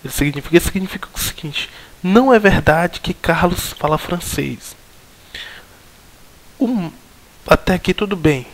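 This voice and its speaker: A man with a Brazilian Portuguese accent teaching a recorded logic lesson, explaining step by step with many fillers and restarts. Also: a little high.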